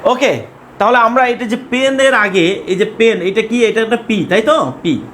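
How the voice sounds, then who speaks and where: A man's voice: high-pitched, expressive, normal speed, a bit bright, slight background noise. A man with a Bangladeshi accent teaching an English grammar class, asking questions and repeating words as he drills students.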